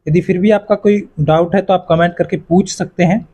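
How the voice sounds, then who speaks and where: His voice is high, warm and husky, fairly quick with fairly even intonation. As an exam-coaching YouTuber, he chats with students like friends about cutoff scores, staying reassuring and repetitive, with frequent fillers such as "yahan par" and "jo hai."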